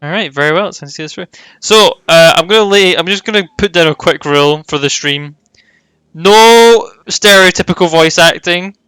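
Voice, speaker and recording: A man's voice: fairly high pitch, fairly quick, hardly any pauses, sharp tone, smooth, no room sound. A man streaming a game with friends, casual and joking, laughing often and guiding the group. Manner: joking, laughs easily, sets the rules.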